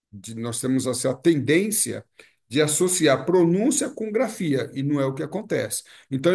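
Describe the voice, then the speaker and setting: A man's voice: a little high, darkish tone. A man from Brazil with a Brazilian Portuguese accent, teaching an online pronunciation lesson, explaining patiently and repeating key words with frequent tag questions.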